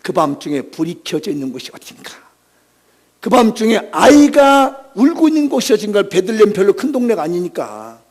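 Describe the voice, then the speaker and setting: High, gravelly-voiced male pastor preaching. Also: very animated, normal speed. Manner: dramatic preaching that swings from loud shouted emphasis to hushed low lines; asks the congregation rhetorical questions. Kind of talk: Sunday sermon.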